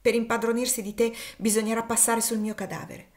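A woman's voice: a little high, level tone, a little fast, voice pushed up, lightly acted. A woman reading the part of an impassioned young male fugitive, grieving and defiant, with rising, emphatic outbursts in an audiobook.

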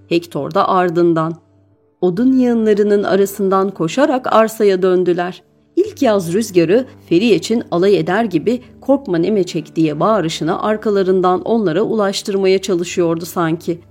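A woman narrating a children's novel in an even, measured reading. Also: mid-range voice. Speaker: audiobook narrator. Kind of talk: storybook narration.

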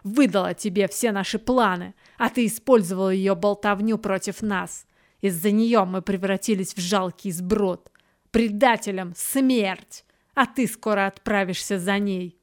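A woman voicing a bitter, defiant high witch in an audiobook, spitting angry accusations. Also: measured pace, natural voice. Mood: vengeful.

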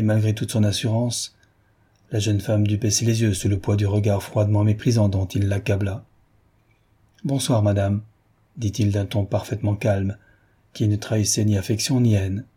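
Brief: male audiobook narrator, measured; dark, husky, lowish voice. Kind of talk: scripted narration of a classic novel.

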